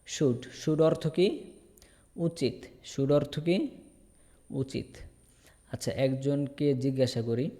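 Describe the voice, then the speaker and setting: A man's voice: medium pitch, vocal fry, warm tone. Patient male teacher drilling words, reverberant. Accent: Bangladeshi. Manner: repetitive drilling, asks and answers himself. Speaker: English teacher. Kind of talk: online spoken English class. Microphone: video call.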